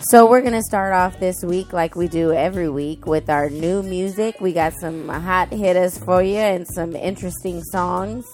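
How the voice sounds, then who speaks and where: A woman's voice: lowish voice, moderate pace, hardly any pauses, darkish tone, soft background music. A woman hosting a casual podcast with her siblings, announcing the episode in an upbeat way. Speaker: podcast host. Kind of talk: casual chat.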